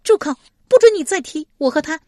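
A woman's voice: high voice, sing-song, a little fast, no echo, clean studio sound, voice pushed up. Woman playing a fiery young woman. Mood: furious. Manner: sharp and scolding. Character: young woman, proud, hot-tempered, tearful.

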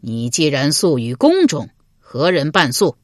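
A woman narrator voicing a suspicious, jealous middle-aged male lord in a historical novel reading, cold, sneering and deliberate. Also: low voice, very animated, no room sound, clean studio sound, exaggerated voice.

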